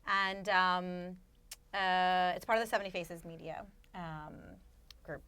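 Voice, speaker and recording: A woman guest on a chat podcast, telling a story with a sweet, nice voice and an animated manner. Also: on the low side, slow, clear, resonant tone. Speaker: podcast guest, food editor.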